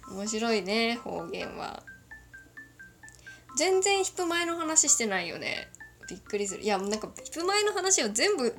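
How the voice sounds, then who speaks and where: A woman from Kagoshima with a mixed northern Kyushu accent, rambling through a casual solo chat and giggling often. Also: fairly high pitch. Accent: northern Kyushu Japanese. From Kagoshima, Japan.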